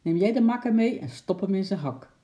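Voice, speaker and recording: Man doing zookeeper uncle, grumbly but kind, low dark voice, storybook reading. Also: animated, fairly quick. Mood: gruff. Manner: grumbling, firm. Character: gruff kindly male zookeeper uncle.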